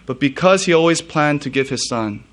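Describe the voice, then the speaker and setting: A man, a pastor, giving a sermon in a relaxed, conversational style with asides and questions to the congregation. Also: fairly high pitch, normal speed. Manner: conversational preaching with asides and soft laughs.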